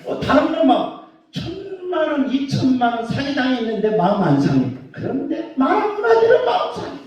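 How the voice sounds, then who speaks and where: A male pastor preaching a sermon in an animated way, joking and scolding with rhetorical questions. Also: very high voice. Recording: roomy dull sound from far off.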